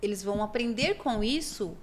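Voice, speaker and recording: A woman's voice: medium pitch, moderate pace, noisy background. A woman, a podcast guest talking earnestly and emotionally in a casual interview. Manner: earnest, emotional, lively intonation.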